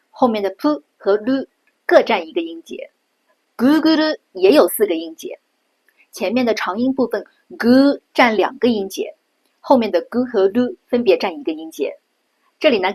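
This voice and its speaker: A middle-aged woman from China giving a patient pronunciation lesson, slowing down and repeating sounds to show them. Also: on the high side, husky. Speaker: Japanese language teacher.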